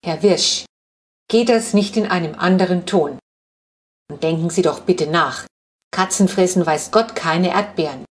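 Woman reader voices a dry, composed father; lower, measured. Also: natural voice. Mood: firm. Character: calm, dry-witted father.

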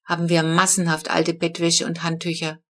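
A woman's voice: on the low side, flat delivery, moderate pace, lightly acted. A woman voicing a flustered mother in a family story. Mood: fussing.

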